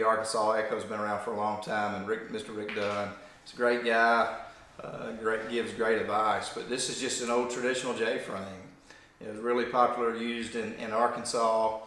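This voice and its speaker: A man's voice: lowish voice, a bit bright. A man giving an informal, folksy hands-on explanation as a demonstrator of hunting calls. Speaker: duck call demonstrator. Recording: very echoey room.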